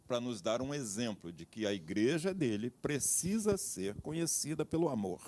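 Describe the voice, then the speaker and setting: Lively preacherly male Bible teacher. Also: medium pitch. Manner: explanatory, preacherly emphasis. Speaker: seminary teacher, guest panelist. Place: TV studio.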